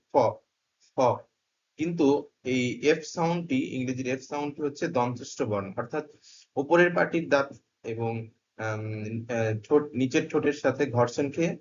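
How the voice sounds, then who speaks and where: A man gives a careful pronunciation lesson, pausing on each sound and example word. His pitch sits in a middle range. The recording is dull and slightly lo-fi. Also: slight background noise. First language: Bengali. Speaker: English pronunciation teacher. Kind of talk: slow, deliberate pronunciation lesson.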